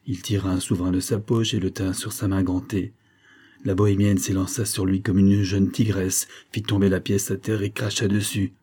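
An audiobook narrator reads a classic novel at a steady, measured pace. His low, dark voice carries a husky, slightly breathy grain.

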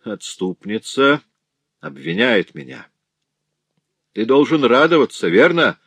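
A man with a lowish, fairly bright voice reads an audiobook expressively at a measured pace, recorded with no echo. He voices a vicious old widow, a murderer awaiting execution, who sneers unrepentantly with bitter sarcasm and cold fury.

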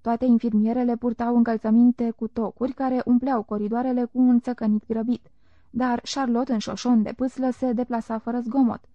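A woman narrating a literary audiobook in a calm, measured reading voice. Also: fairly high pitch, dry recording. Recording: dull lo-fi recording.

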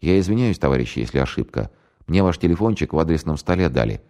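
A man's voice: a bass voice, sing-song, quick pace, mellow. A man voicing a polite, slightly embarrassed caller who apologizes.

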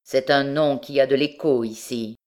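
A woman reading an audiobook, voicing a sinister male provost who interrogates gruffly. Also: very deep voice, steady tone, a little slow, a little mellow. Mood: menacing.

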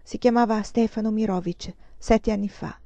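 Woman reading a scared young woman begging, mellow voice, dull recording. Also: medium pitch, fairly even intonation, normal speed, no room sound, natural voice. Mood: pleading. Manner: pleading, broken. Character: young woman, frightened and pleading.

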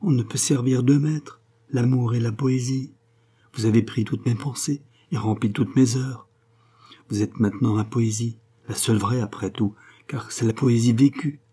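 Caressing young lover from an audiobook novel, read by a man; warm, husky, passionate. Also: mid-range voice, steady tone, moderate pace, lightly acted. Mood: ardent. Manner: caressing, ardent.

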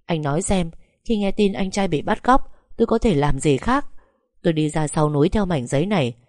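A young wife who is hurt but defiant, and who turns to accusation, voiced by a woman. The voice is low and mellow, and the sound is dry. This is a storybook reading. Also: animated, brisk, no echo, close to an everyday voice. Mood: distraught. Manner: pleading, accusing.

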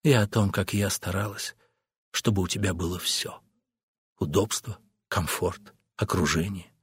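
Brief: male narrator doing a sharp-tongued mocking wife, husky and dry, audiobook character. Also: a little high, expressive, normal speed, no echo, voice pushed up. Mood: hurt. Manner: mocking, scolding. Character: scornful middle-aged wife, sharp-tongued and bitter.

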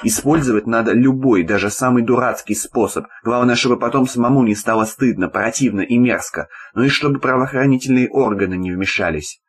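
A man's voice: mid-range voice, a little fast, few pauses, breathy edge, lightly acted. A man reading as a stern, sardonic boss. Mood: lecturing. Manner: dry, lecturing, blunt. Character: stern, sardonic middle-aged male boss.

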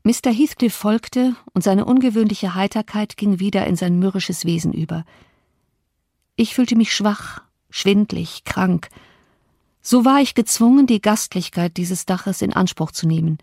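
A woman reading a classic novel aloud as an audiobook narrator, measured and expressive. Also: medium pitch, dry recording, clean studio sound.

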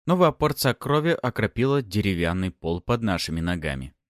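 A man's voice: on the low side, very animated, fairly quick, dry recording, studio quality. A man narrating a first-person audiobook in a sardonic, mocking tone.

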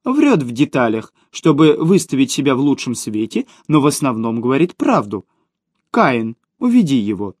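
A man's voice: medium pitch, very animated, moderate pace, a little mellow, dry recording, studio quality. A man voicing a ruthless, domineering woman who mocks her partner in a cutting tone for an audiobook. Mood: commanding. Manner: sneering, cutting. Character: cold, mocking, domineering woman, ruthless schemer. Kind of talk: audiobook character voice.

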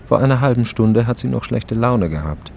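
Gravelly calm male narrator. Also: mid-range voice, slight background noise. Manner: calm, measured storytelling. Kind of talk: scripted narration.

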